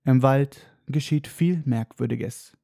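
A man voicing a solemn male centaur who speaks in slow, cryptic prophecies. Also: mid-range voice, vocal fry, warm tone, no echo, clean studio sound. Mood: ominous. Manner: slow, mysterious, portentous.

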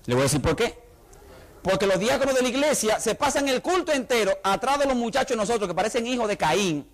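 High-voiced male pastor preaching animatedly. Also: quick pace. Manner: animated, humorous preaching with rhetorical questions to the congregation. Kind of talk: sermon. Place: church.

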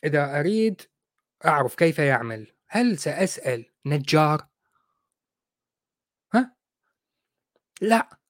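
A man's voice: a little high, very animated, unhurried, long pauses, no echo, studio quality. A man with an Iraqi accent hosting a livestream, rebutting clips in a sarcastic, mocking way. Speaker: host. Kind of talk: livestream commentary.

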